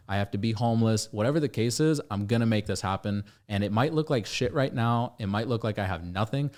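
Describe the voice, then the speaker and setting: A man hosting a podcast in a casual, emphatic, motivational way, swearing freely. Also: on the low side. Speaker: podcast host.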